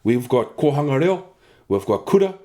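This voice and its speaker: A man's voice: mid-range voice, big pitch swings, moderate pace, warm tone. A middle-aged man with a broad New Zealand Māori English accent, chatting reflectively and bluntly, swearing freely. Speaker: interview guest, moko practitioner. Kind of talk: casual reflective chat.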